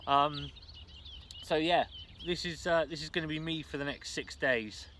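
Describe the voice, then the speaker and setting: A man's voice: a little high, moderate pace, fairly bright tone. A man talking casually to camera in a laid-back, slangy way, as a fishing vlogger. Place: outdoors at a fishing lake. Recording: outdoor ambience and background noise.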